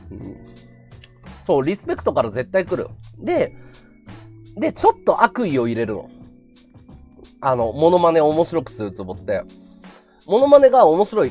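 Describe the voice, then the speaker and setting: A man's voice: on the high side, a little mellow. A man hosting a livestream, chatting casually and animatedly with viewers and laughing often. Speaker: livestream host.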